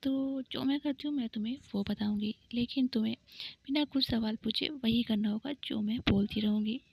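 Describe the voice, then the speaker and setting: A woman voicing a brisk, bossy young woman who is easily flustered, in a storybook romance. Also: on the high side, fairly even intonation, vocal fry, darkish tone, husky, dry recording. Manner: brisk, scolding. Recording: dull lo-fi recording.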